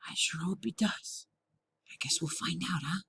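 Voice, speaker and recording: A math teacher voicing a playful man with a put-on Spanish accent, swinging between loud lines and hushed asides. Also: high-pitched, expressive, normal speed, voice pushed up.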